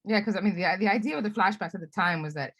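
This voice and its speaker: A film director of Lebanese origin, a woman in her thirties, answers fan questions over a video call, chatty and self-reflective, laughing often and restarting sentences. Her mid-range voice races along, a bit bright, with no room sound.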